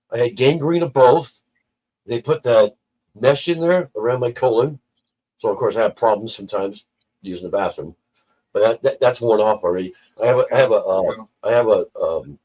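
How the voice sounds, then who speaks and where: A man's voice: medium pitch, darkish tone, low-quality recording. A man telling a personal story in casual chat on a livestream, acting out the people he quotes. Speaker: livestream guest.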